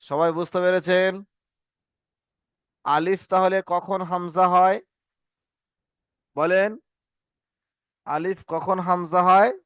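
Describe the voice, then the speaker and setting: Man teaching a slow patient reading class, smooth clear voice, kinda high, dry close sound. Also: steady tone, a bit bright, no echo. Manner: patient, repeats drills and asks students questions. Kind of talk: online Arabic letter lesson.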